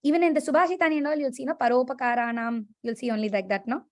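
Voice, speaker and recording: A woman's voice: sits high, steady tone, rapid-fire, no room sound, studio quality. A woman with an Indian accent teaching an interactive language class, prompting, correcting and repeating key words. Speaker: Sanskrit teacher. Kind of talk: interactive online lesson.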